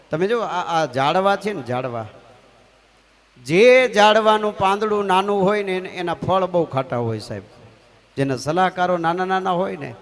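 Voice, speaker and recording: A man with a Kathiyawadi Gujarati accent telling a folk tale live on stage, animated and often addressing the audience as sir. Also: sits high. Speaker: folk storyteller. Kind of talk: live folk storytelling with sung verse.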